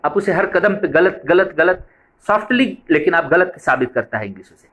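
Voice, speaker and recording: A man's voice: sits high, expressive, normal speed, a bit bright. A man delivers a training lecture in a slightly raised voice. He explains each point patiently and repeats key phrases for emphasis. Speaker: preschool method trainer.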